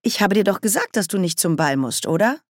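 A woman reading an audiobook, voicing an earnest, eager young witch in a brighter, higher voice. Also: lively intonation, brisk, dry recording, studio quality. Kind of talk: audiobook character voice.

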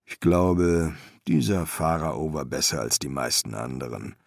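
A deep, slow, weary old master embalmer with dry, patient, deadpan answers, as a male reader plays him. The voice sinks low and drawls along. It sounds flat and unbothered. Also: vocal fry, dry recording, exaggerated voice.

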